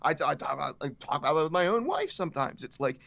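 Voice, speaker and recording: A man's voice: a little high, expressive, fast talker, vocal fry, a bit bright, no echo, lo-fi sound. A man co-hosting a casual podcast discussion, talking earnestly and speeding up as he makes his points. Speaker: podcast co-host.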